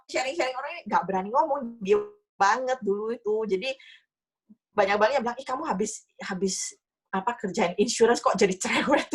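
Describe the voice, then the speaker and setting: Chatty woman giving a motivational talk. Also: mid-range voice. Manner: chatty, sprinkles English words, laughs often. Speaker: insurance agent sharing her experience. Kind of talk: casual motivational sharing.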